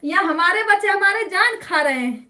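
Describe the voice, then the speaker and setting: A woman hosts a casual live stream from her home kitchen, cooking and calling out to her viewers. Her voice sits very high and rings bright and forceful. She chats loudly and freely, as if talking to family across a room. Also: normal speed. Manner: chatty, loud and lively, calls out to viewers. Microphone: phone placed up high.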